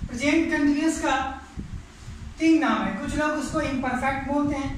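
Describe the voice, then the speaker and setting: A woman with an Indian English accent teaches grammar in a classroom, her high voice measured and unhurried. She is heard from a distance in a very echoey room with faint background noise. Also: steady tone. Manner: explains slowly in English, fast in Hindi.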